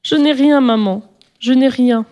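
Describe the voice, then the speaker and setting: A woman's voice: sits high, unhurried, warm tone, pitched above the performer's own voice. A woman doing a remorseful little girl. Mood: pleading. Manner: pleading, earnest.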